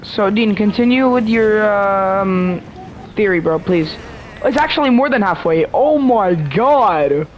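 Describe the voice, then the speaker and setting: A woman hosting a casual gaming chat, excitable and chatty, talking in slangy gamer lingo. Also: mid-range voice, unhurried, slight background noise, rough recording. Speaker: gaming channel host.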